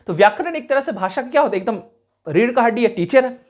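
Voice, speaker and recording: A man teaching a class, explaining carefully, repeating key sounds slowly and checking whether his students follow. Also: very high voice, lively intonation. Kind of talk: classroom lecture.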